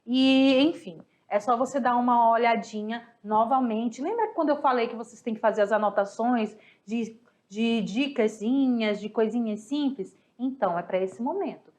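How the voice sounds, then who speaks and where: A woman's voice: on the high side, moderate pace, darkish tone. A woman teaching a recorded review lesson, talking affectionately to her students and explaining step by step with paired examples. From Brazil. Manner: affectionate, chatty, addresses students as "galera". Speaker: Spanish teacher.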